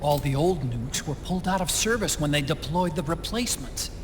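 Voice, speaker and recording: A man's voice: a little high, animated, fairly quick, noisy background, lightly acted. A man playing an anxious, intellectual tech-expert sidekick in a video game. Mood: alert, concerned. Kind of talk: video game cutscene dialogue.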